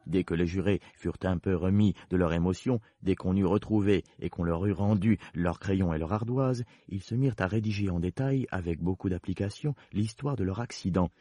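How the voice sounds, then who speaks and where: A man narrating a storybook in a measured, storytelling manner. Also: sits low, warm tone, breathy edge, dry recording, studio quality.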